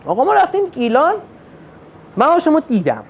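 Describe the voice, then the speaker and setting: High-voiced man doing lively stand-up. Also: gravelly, a little hiss or hum. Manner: animated storytelling, acting out family dialogue. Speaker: stand-up comedian. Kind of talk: stand-up comedy routine. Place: comedy club stage with live audience.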